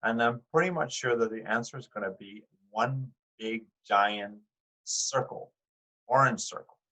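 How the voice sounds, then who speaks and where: In a poor-quality recording, a man with a mid-range voice and a sharp tone teaches an art class at an unhurried pace. He talks conversationally to his students, using fillers and restarting sentences, and often puts questions directly to them in what sounds like a recorded class lecture.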